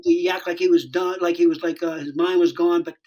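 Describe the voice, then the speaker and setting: His voice runs high and fast, caught on a rough recording with slight background noise. He's a sixty-something stand-up guesting on a podcast, spinning an animated, foul-mouthed story that keeps wandering off, stacked with fillers and restarts, in a loose interview.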